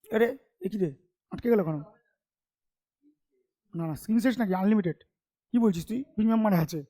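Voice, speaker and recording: A man teaching a relaxed classroom lesson. He chats and teases his students, and keeps stopping to check that they follow along. His delivery is loose and conversational, not read from a script. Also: high-pitched. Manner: chatty, keeps checking understanding with quick questions; familiar, teasing tone with students. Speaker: commerce tutor. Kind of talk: informal classroom lecture.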